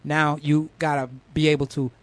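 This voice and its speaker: A man hosting a hip hop radio show, shouting out names in a sing-song flow and giving earnest advice to callers. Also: on the high side, flat delivery, moderate pace, dry recording. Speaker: radio host.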